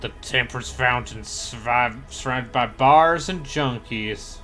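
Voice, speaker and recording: A man's voice: medium pitch, a little slow, pushed and bright, faint music behind. A man on a live game stream, joking and sarcastic in casual chat.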